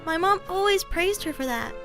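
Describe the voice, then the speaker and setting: In an anime-style manga dub, a woman plays a frank, polite, shy middle-school girl, delivering lines earnestly yet hesitantly. Her extremely high voice is animated and moderately paced, with music playing behind it.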